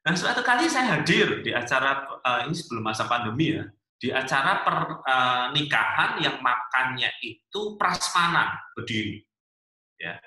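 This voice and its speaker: Animated male pastor in an echoey room. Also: mid-range voice, normal speed. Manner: animated storytelling, many rhetorical asides. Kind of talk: humorous sermon at a couples' webinar.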